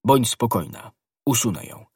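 A man's voice: mid-range voice, lively intonation, normal speed, slightly rough, no room sound, studio quality. A man doing an ardent young guardsman. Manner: ardent, impulsive. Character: bold, hot-headed young male guardsman.

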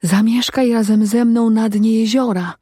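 Woman doing a soft-spoken pleading water nymph, storybook style, dry close sound. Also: mid-range voice, a little slow, breathy edge, dry recording.

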